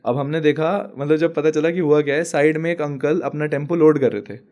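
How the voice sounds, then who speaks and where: A man's voice: fairly high pitch, steady tone, a little fast, darkish tone. A young man, a podcast guest, telling a funny story in casual chat and laughing often.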